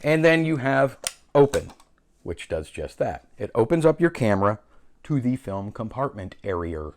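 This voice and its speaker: A man's voice: medium pitch, big pitch swings, normal speed. A man hosting a casual filmmaking tutorial, chatty and self-correcting as he demonstrates a camera. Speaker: filmmaking channel host.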